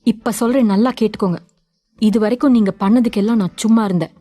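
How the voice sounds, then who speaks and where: A woman voicing a defiant young daughter in a story, with a sharp, scolding way of talking. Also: mid-range voice, fast talker, dry recording, natural voice. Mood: furious. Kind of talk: audio drama reading.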